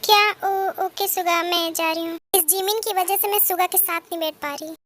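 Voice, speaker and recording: A woman's voice: extremely high pitch, fairly even intonation, moderate pace, fairly bright tone. A woman plays a sly, jealous teenage girl in on a scheme.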